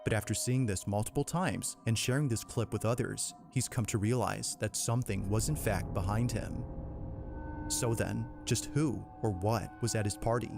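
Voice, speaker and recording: Gravelly-voiced man narrating spooky footage. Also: lowish voice. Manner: measured, suspenseful storytelling delivery. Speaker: narrator of a paranormal compilation video. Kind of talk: scripted narration. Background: music.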